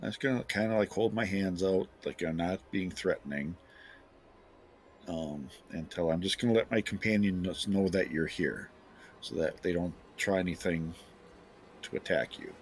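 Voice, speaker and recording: A man's voice: low voice, normal speed, slight background noise. A man talking casually as a player in a tabletop game, describing his moves off the cuff. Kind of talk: casual improvised game talk.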